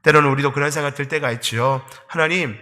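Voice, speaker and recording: A man's voice: fairly high pitch, expressive, a little fast, pushed and bright, soft background music. Man preaching in a reverberant church. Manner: earnest preaching, acting out prayers and God's words. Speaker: pastor. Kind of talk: sermon. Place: church sanctuary. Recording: long church hall reverb.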